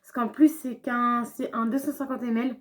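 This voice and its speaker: A woman's voice: fairly high pitch, steady tone, normal speed, fairly bright tone. A young woman chatting casually through a shopping haul vlog, with lots of fillers and restarts. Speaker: beauty vlogger.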